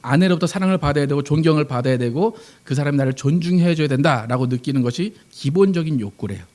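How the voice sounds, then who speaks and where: A man's voice: a little high, lively intonation, quick pace, darkish tone. A man, a pastor, preaching a Sunday sermon in a conversational way, asking the congregation questions and acting out quoted lines.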